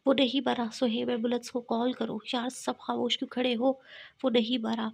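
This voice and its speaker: A woman reads a frantic young bride who pleads and insists, her plain voice held in a narrow, flat line. It has a gravelly edge and sits fairly high. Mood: desperate pleading.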